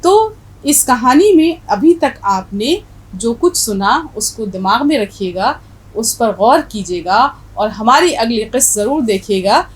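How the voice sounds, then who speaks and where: A woman Urdu teacher with a North Indian Urdu accent, explaining pronunciation as she spells words out slowly letter by letter. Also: on the high side, lively intonation, slightly rough, poor audio. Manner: stresses correct pronunciation, asks the viewer questions. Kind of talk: explaining a lesson.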